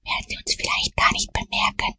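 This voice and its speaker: A woman voicing a scared young boy who talks in a breathless high whisper. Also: fairly quick, sharp tone, no echo. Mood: frightened whisper.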